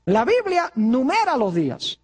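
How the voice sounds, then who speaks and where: A man's voice: very high voice, huge pitch swings, measured pace, breathy edge. A male pastor preaching a sermon, asking the congregation rhetorical questions and answering them himself.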